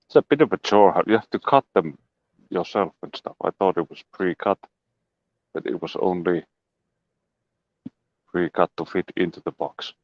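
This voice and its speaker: A man talks casually while walking outdoors, rambling and joking. His voice sits low and sounds close and dry. The phone audio is dull and lo-fi. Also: moderate pace, pauses often, no room sound. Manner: rambling, jokey, with playful sound effects. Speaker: show regular giving a homestead tour. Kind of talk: casual livestream walking tour. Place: outdoors on a rural property.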